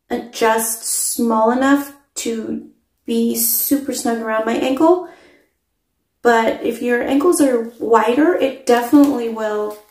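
Slow, mellow-voiced woman reviewing sandals. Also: on the high side, vocal fry, roomy sound. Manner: enthusiastic, emphatic, repeats words for stress. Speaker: product reviewer. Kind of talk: casual product review vlog. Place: small indoor room with pale walls. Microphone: phone camera mic at close range.

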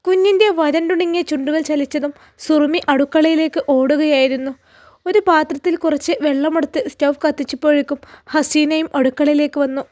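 A woman narrates a family drama story in a steady, dramatic way. Her voice sits high for a woman. The reading is scripted. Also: no echo, clean studio sound.

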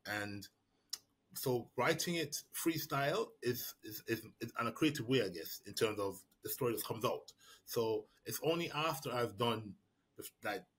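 An animated, mid-range voice, fairly bright and slightly rough, comes from a prize-winning writer from Jamaica talking at a moderate pace. He's taking questions about his writing on a video call from a small indoor room via a webcam or laptop mic, and he reflects aloud, often restarting and repeating words.

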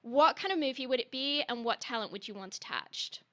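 Bright-voiced woman asking curious questions. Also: a little high, expressive, a little fast. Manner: curious, chatty, uses kind of as filler. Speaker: podcast interviewer. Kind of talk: casual interview questions.

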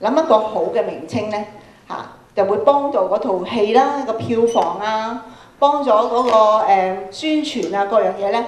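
In a large indoor school auditorium, a Hong Kong Cantonese-accented woman who produces radio programmes talks interactively with schoolchildren, frequently prompting them with questions. Her voice is medium-pitched, a little mellow, at a moderate pace. Her handheld mic plays through the PA with echoey hall sound, filmed from the audience, and there's slight background noise.

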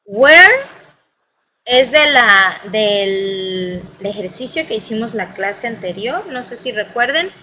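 Bright-voiced woman teaching English slowly. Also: mid-range voice, animated, slight background noise, low-quality recording. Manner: switches between Spanish and English, repeats phrases slowly for students to copy. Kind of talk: bilingual classroom lesson.

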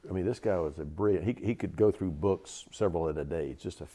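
Deep-voiced older Southern man telling war stories. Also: fast, dark tone. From Georgia, USA. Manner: vivid, acts out quotes, repeats for emphasis. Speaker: interview guest, veteran. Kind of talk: storytelling interview.

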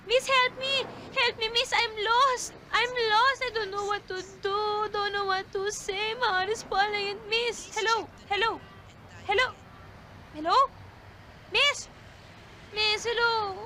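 A woman's voice: very high voice, fast talker, creaky, few pauses, noisy background. An actress playing a lost, frightened woman who calls out for help and pleads while crying, in a film drama. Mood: pleading. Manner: desperate, pleading, calling out.

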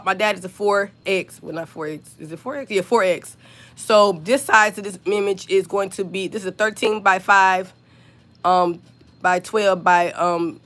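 A woman's voice: mid-range voice, fairly bright tone. Woman host, sick and scratchy-voiced, chatting loosely to live viewers on a phone. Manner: chatty, talks straight to viewers, many fillers. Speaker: crafter hosting a live stream. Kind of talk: casual live-stream chat and tutorial.

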